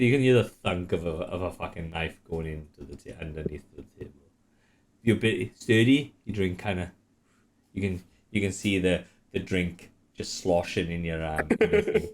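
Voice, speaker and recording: A man's voice: deep voice, lively intonation, moderate pace. A man running a tabletop game as game master, joking and swearing casually as he narrates. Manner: swears casually, jokey banter.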